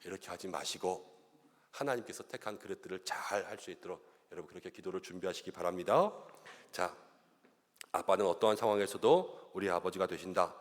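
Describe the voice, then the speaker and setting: A middle-aged man preaching a sermon as pastor, animated and acting out little voices and quotes as he goes. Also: sits low, a little fast. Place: church sanctuary. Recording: long church-hall reverb.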